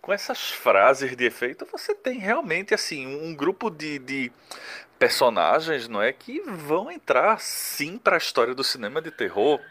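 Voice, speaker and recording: A man co-hosting a casual podcast discussion, often pausing and restarting as he searches for words. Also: fairly high pitch, big pitch swings, pushed and bright. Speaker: podcast co-host.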